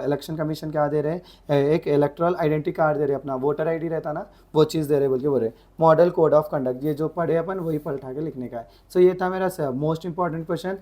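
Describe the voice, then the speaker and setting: Low-voiced woman tutor, dark tone. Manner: slow dictated English definitions, quick conversational Hindi explanations; keeps asking rhetorical questions. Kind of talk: exam revision lesson.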